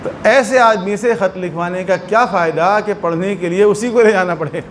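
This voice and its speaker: A man with a high voice and a Pakistani Urdu accent teaches as a religious scholar. He explains verses and acts out short anecdotes to make his point. A faint hum of noise sits under the recording. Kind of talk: religious lecture.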